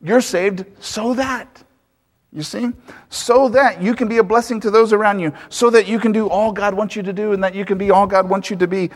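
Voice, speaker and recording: A man's voice: high-pitched, fairly even intonation, moderate pace. A man preaching a sermon as pastor, emphatic and full of rhetorical questions. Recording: long hall reverb.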